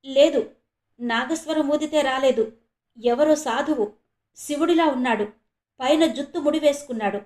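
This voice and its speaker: A woman's voice: sits high, moderate pace, long pauses, a little mellow, close to an everyday voice. A woman voicing a frightened, worn-out male snake charmer in a storybook reading, speaking weakly. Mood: weary. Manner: weak, shaken. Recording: roomy echo.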